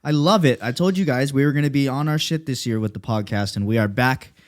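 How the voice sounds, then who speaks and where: A man's voice: mid-range voice, quick pace. Casual, profane young man hosting a podcast. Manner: loose and profane, lots of fillers. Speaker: podcast host.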